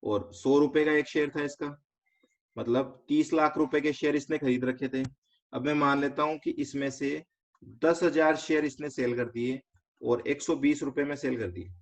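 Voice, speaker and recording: Slightly dull lo-fi audio captures a man with an Indian accent teaching finance online, his pitch on the high side and his intonation fairly even. He breaks the lesson into steps, checks understanding with short questions, and mixes in English terminology.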